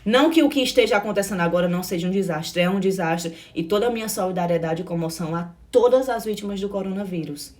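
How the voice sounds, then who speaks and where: A woman's voice: on the low side, darkish tone. A middle-aged Brazilian woman teaching exam prep in a passionate, blunt pep talk, repeating herself and swearing now and then. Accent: Brazilian Portuguese. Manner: emphatic and blunt, repeats phrases, calls listeners "meu amor", swears.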